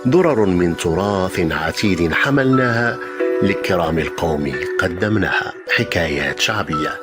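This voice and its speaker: Male announcer, very deep voice, animated rhythmic recitation, loud music underneath. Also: normal speed. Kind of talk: rhymed channel intro over music.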